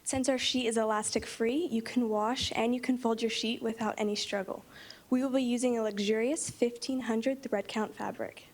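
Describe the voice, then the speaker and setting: A young woman with a somewhat high voice speaks for her startup team. She gives a confident, practised pitch to a panel in a meeting room. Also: steady tone, moderate pace. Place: meeting room, standing before seated judges.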